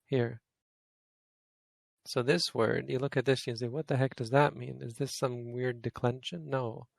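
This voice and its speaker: A Buddhist monk explains grammar to a study group in a relaxed, thinking-aloud way, often stopping to correct himself. His voice is mid-pitched with a gravelly edge. It sounds close and dry, with no room around it. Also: dry recording. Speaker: Buddhist monk teaching Pali.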